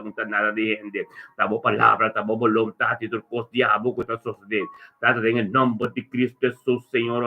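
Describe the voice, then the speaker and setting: Through thin, phone-like audio, a man leads a congregation in spontaneous, fervent prayer. His voice sits on the low side and stays monotone as he chants repeated invocations.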